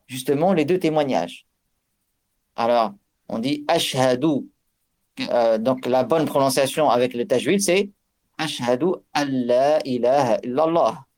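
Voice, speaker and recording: A man's voice: fairly high pitch, darkish tone. A man giving a religious lesson on recitation rules, explaining with fillers and restarts and chanting Arabic examples. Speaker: religious teacher. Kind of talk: tajwid lesson.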